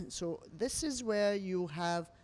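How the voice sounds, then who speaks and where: Speaking slowly in a mid-range voice, a middle-aged Lebanese woman who owns a restaurant tells stories expressively in imperfect English. She is being interviewed over a meal, and her phrasing is clearly non-native.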